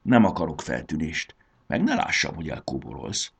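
A man voicing a bossy guide figure who gives hushed orders. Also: extremely low pitch, huge pitch swings, gravelly, breathy edge, full character voice.

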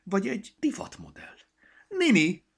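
A man's voice: on the low side, wildly swooping pitch, gravelly, a bit bright, breathy edge, pitched above the performer's own voice, exaggerated voice. A man voicing a fussy, busy little male elf who chatters and grumbles to himself. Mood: lively.

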